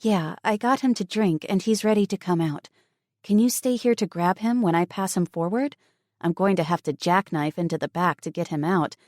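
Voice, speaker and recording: A woman reading an audiobook voices a kind teenage girl who talks in a soft, sweet, coaxing tone. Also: medium pitch, no echo, clean studio sound, pitched above the performer's own voice, natural voice. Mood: brisk. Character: kind teenage girl soothing a scared toddler.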